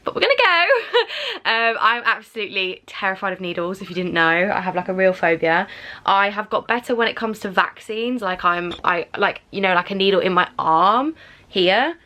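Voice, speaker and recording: A woman's voice: medium pitch, normal speed, pushed and bright. A woman in her twenties talking to camera in a casual vlog, chatty and rambling with lots of fillers like "like" and "do you know what I mean". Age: 20s. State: out of breath after exercise. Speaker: vlogger. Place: at home and outdoors in a garden.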